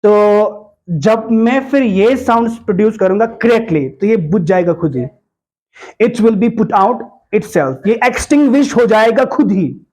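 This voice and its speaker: A man teaching pronunciation to a class, repeating words slowly in drills and checking whether the students follow. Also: sits high, animated, darkish tone.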